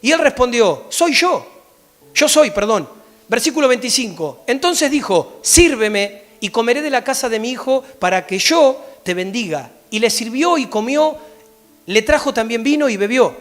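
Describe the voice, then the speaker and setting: A man with an Argentine accent preaching a sermon and reading Bible verses aloud, often checking in with a quick "¿sí?". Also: very high voice. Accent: Argentine Spanish. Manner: animated, often checks in with a rising "¿sí?". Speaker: pastor. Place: church.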